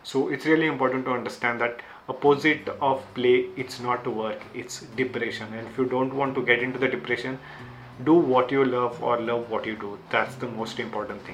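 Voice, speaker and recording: A young man with a bright, forceful voice and a Marathi Indian accent talks to viewers about life lessons. His non-native English is earnest and simply phrased, with points often repeated. Faint music plays underneath. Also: mid-range voice. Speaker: YouTube creator sharing book lessons. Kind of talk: self-help talk to viewers.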